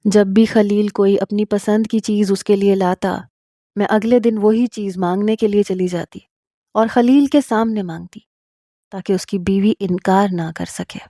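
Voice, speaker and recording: A woman narrating a first-person story in a steady, confiding way. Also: mid-range voice, no echo, studio quality.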